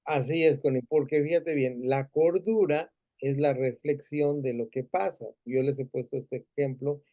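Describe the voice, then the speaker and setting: A man's voice: mid-range voice, steady tone, unhurried, dull audio. A man with a Mexican Spanish accent teaching a Bible class, asking the students questions and adding many fillers and tag questions.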